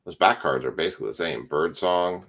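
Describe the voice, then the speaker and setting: Man, deep low voice, tired, easygoing, reeling off trading-card names one by one. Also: a little fast. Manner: relaxed, rattles off player names as he opens packs. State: tired, yawning. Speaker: card break host. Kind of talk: casual live card-break commentary.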